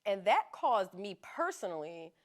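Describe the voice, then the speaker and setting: A woman's voice: medium pitch, sing-song, measured pace. A woman in her thirties, a podcast guest, talking in a laid-back, slangy and frank way in casual chat.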